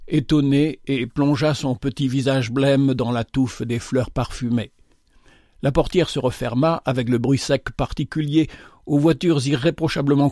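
A man narrating a novel in a measured, expressive audiobook reading. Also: mid-range voice, no room sound, studio quality.

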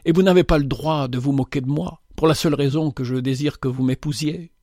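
A man's voice: a little high, fairly even intonation, a little fast, darkish tone, no echo, clean studio sound, lightly acted. Man reading earnest young suitor, nervous, pleading, little put on. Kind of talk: audiobook dialogue reading.

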